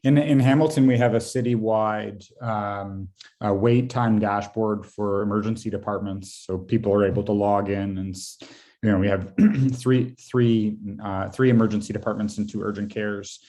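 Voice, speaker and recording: Man doctor on a panel, gravelly and mellow, halting delivery. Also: fairly low pitch, steady tone. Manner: halting, many fillers and restarts. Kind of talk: panel discussion answer.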